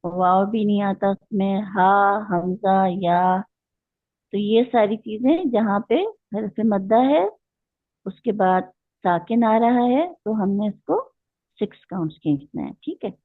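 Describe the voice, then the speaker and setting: Female recitation teacher, unhurried and methodical, quizzes the class; thin phone-quality audio, no room sound. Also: mid-range voice, animated, dry recording. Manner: patient, explaining step by step with questions to students. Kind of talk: online class lecture. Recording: tinny phone-like line.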